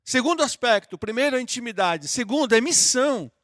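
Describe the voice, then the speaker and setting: A man's voice: extremely high pitch, animated, brisk, dry recording, clean studio sound. A man preaching a sermon as pastor, speaking to the congregation in a familiar, conversational way and acting out sample prayers. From southern Brazil. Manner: conversational preaching that addresses listeners warmly and acts out sample prayers. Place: church auditorium.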